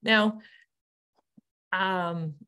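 A woman's voice: mid-range voice, drawn-out words, smooth. A woman hosting a nature show, talking casually over her slides with plenty of ums and restarts. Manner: relaxed, many ums and restarts.

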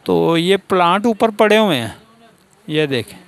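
A man's voice: sits high, expressive, unhurried, gravelly. A man in his thirties with a Pakistani Urdu accent, filming a casual walking tour of a tool shop and asking about prices. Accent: Pakistani Punjabi-inflected Urdu. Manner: casual, points things out and asks prices. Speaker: vlogger. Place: indoor tool shop in a market.

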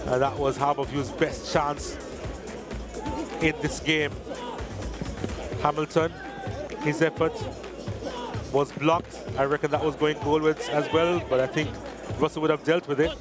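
A man giving measured football commentary over match highlights, reading lineups and stats. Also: fairly even intonation, music in the background, crowd noise.

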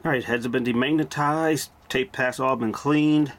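Here a man demonstrates a vintage machine he repairs as a hobby, talking in a casual, blunt, salty way mid-task. His medium-pitched voice is a bit bright, with fairly even intonation and normal speed. Noisy amateur camera audio and mechanical hum are audible.

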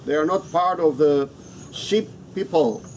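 Speaking in an unhurried, rather high voice, this middle-aged man from Africa talks casually to camera as a teacher, repeating words to stress them. English is his third language; he works as an English teacher, trainer and vlogger, recorded in an open-sided Philippine resto-inn with noisy open-air sound behind him.

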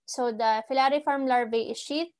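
A woman's voice: on the high side, steady tone, normal speed, smooth, no room sound, studio quality. A woman with a Filipino accent lecturing online as a teacher, switching between English and Tagalog midsentence. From Philippines. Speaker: parasitology teacher. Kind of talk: online lecture reviewing slides. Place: indoor room, recorded screen-share lecture.

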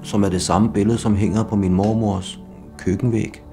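A middle-aged man telling his own life story in a slow, blunt, confessional way, with bursts of swearing. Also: on the low side, level tone. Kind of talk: personal testimony narration. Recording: music playing behind.

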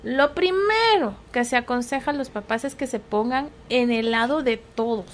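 A woman's voice: on the high side, lively intonation, moderate pace, a little hiss or hum. A middle-aged woman, a psychologist, explaining things patiently in conversation and often checking that her listener agrees. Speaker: psychologist guest.

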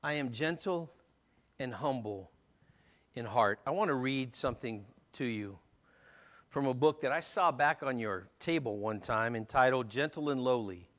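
A male pastor preaching a sermon, moving between quiet, low reading of scripture and loud, emphatic passages, talking loosely and sometimes losing his place. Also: expressive, a little slow. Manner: unscripted, loses his place and asks the congregation.

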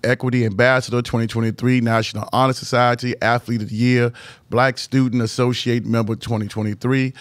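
A man's voice: medium pitch, level tone, fairly quick, no room sound. A male sports show host, talking loosely and slightly slurred from retainers in his mouth as he jokes and reads out stats. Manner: laid-back, joking, reads stats aloud. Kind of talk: casual sports interview.

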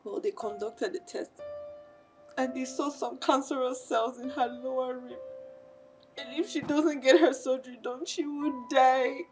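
A distraught young Nigerian woman in a film drama, her high voice mellow and soft-edged as she pleads through tears. Faint music lies under her lines. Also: fairly even intonation, a little slow, rough recording. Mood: worried. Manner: tearful, pleading. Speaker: daughter of a sick mother. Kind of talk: Nollywood film acting. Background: faint background music.

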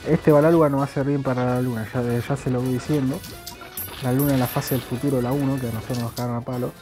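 Talking fast in a level, medium-pitched voice over music, this young Argentine gaming YouTuber provides gameplay commentary full of jokes and crude slang banter.

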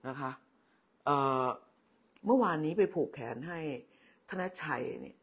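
A woman's voice: deep voice, lively intonation, unhurried, vocal fry, husky. An older woman hosting a casual livestream, chatting in a motherly way, calling viewers "child" and thanking them by name. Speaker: livestream host.

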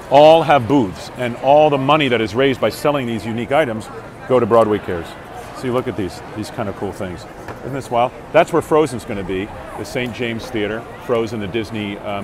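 A man's voice: mid-range voice, noisy background. A man in his forties, an actor, chatting casually to viewers on a live phone stream as he walks a street fair, upbeat and full of fillers. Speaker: Broadway actor vlogging live. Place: crowded city street outdoors. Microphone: earbud headset mic on phone held at arm's length. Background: street crowd.

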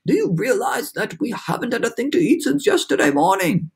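Reader acting a male earthworm, storybook, high-pitched, gloomy, snappish, wildly swooping, melodramatic complainer. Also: big pitch swings, fairly quick, gravelly, slightly rough, exaggerated voice. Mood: despairing. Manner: dramatic, complaining, pessimistic. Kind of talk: children's storybook read-aloud.

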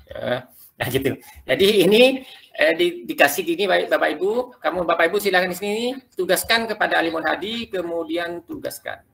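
A man leading a quick, loose tutorial for teachers, talking them through slides step by step. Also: on the high side, gravelly, sharp tone. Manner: quick, loose explaining, keeps addressing listeners as "Bapak Ibu". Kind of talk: live screen-share tutorial.

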